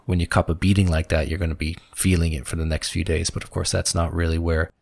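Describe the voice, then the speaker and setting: A man with a low, gravelly voice shares a personal story on a spiritual talk show. He talks in an earnest, reflective way and leans on filler words. The sound is dry and close. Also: level tone, quick pace, darkish tone, no echo. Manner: reflective, earnest, many "you know" fillers. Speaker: podcast co-host.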